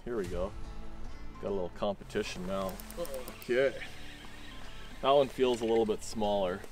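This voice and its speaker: A man's voice: fairly low pitch, normal speed. Laid-back male angler, thirties, talking through his fishing on a lake, clip mic, faint music underneath. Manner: relaxed, chatty, lots of fillers and restarts. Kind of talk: casual fishing commentary. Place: small boat on a lake, outdoors.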